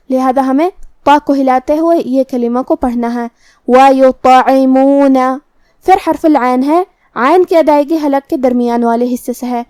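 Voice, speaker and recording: A woman with an Urdu accent teaching Quran recitation rules, explaining pronunciation in a measured, methodical way. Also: high voice, darkish tone, no room sound, clean studio sound. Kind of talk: tajweed lesson, explaining then reciting.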